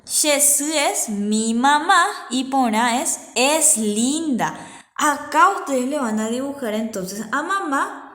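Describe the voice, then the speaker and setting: A woman's voice: high voice, fairly bright tone, echoey room. A woman teacher gives a patient children's language lesson, repeating words for practice.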